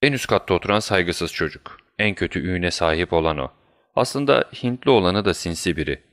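A man voicing the detective's eager male companion, quick to voice suspicions, in a deep voice. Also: lively intonation, fairly bright tone. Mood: suspicious.

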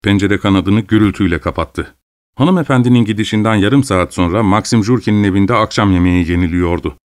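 A man narrating a story in a steady, measured audiobook reading. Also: on the low side, no echo, clean studio sound.

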